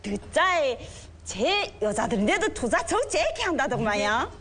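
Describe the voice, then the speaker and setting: A woman's voice: high-pitched, sing-song, normal speed, fairly bright tone, exaggerated voice. A woman playing a practical, scolding wife in a comic sketch, sardonic and nagging, with a Yanbian Korean accent from China.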